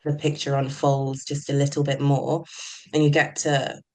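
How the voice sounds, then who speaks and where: Calm, even-toned woman guest. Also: low voice, normal speed, low-quality recording. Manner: calm, flowing, spiritual phrasing. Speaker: hypnotherapist guest. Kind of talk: interview answers. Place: remote call.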